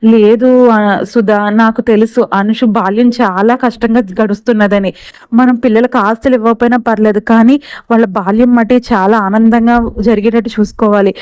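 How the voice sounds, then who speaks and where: A woman voicing a gentle, caring young heroine who speaks sincerely. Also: a little high, steady tone, normal speed, clean tone, no room sound, close to an everyday voice.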